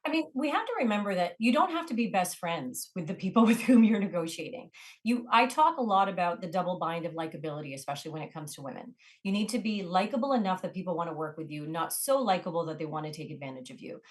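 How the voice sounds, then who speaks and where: A woman's voice: lowish voice, animated, fast talker. A woman who trains people in negotiation, answering interview questions with direct, emphatic coaching advice.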